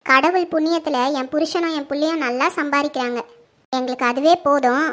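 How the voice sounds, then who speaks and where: A rich but humble middle-aged mother speaks calmly and graciously to her neighbor, as a performer puts her on. Her voice is high and bright, and her manner is reassuring and unhurried in this homemade skit. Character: wealthy, kind middle-aged mother seeking a bride. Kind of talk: home-made Tamil family skit acting.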